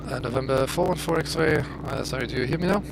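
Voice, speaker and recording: A man's voice: on the high side, fast talker, background noise. A man making radio calls to a tower as a simulator pilot, talking into a cockpit headset mic in clipped phraseology with hesitant fillers.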